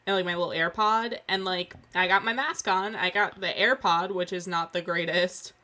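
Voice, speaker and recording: A young woman chatting on a podcast with wry, sarcastic asides and a bright, forceful voice. A faint hiss and some clicks sit behind her. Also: lowish voice, fairly even intonation, normal speed. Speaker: podcast co-host. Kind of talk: casual chat.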